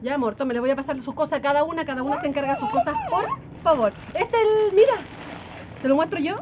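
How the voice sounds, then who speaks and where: A middle-aged Chilean woman with a Chilean accent chatting excitedly in a casual shopping vlog, filmed on a handheld phone. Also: high-pitched. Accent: Chilean Spanish. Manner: chatty, excitable, quick to laugh. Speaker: vlogger. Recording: dull lo-fi phone audio with noise.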